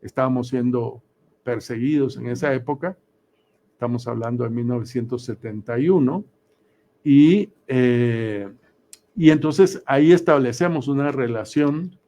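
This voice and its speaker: A mellow, unhurried Guatemalan man in his sixties answers radio interview questions as a guest, reflecting on and recounting memories. His medium-pitched voice is measured and deliberate, with pauses.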